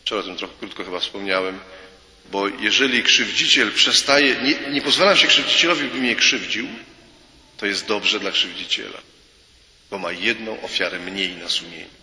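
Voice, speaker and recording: Male preacher, low and very forceful, emphatic and repetitive, reverberant hall sound. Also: normal speed. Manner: emphatic, repeats key phrases, acts out quoted dialogue. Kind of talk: sermon. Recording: roomy with long reverb.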